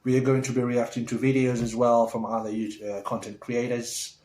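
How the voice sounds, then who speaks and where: A man's voice: mid-range voice, level tone, brisk, warm tone. Man, from Somalia, vlogger, casual rambling chat, lots of fillers, roomy echo. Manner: rambling, chatty, with many fillers and restarts.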